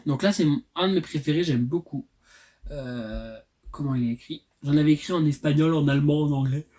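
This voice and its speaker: A man in his twenties hosting his channel, reading his own poems aloud and adding candid, self-mocking asides in a soft, unhurried way. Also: on the high side. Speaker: channel host.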